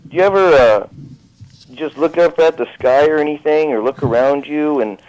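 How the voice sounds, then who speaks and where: A man's voice: fairly high pitch, moderate pace, a little mellow, low-quality recording. Earnest man, radio show caller.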